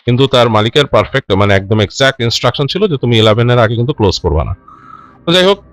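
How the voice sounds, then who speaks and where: A male host recounts a listener's ghost story unscripted and conversationally, stopping, correcting and rephrasing as he goes while mixing in English words. His voice is medium-pitched and expressive, with no echo and soft music in the background.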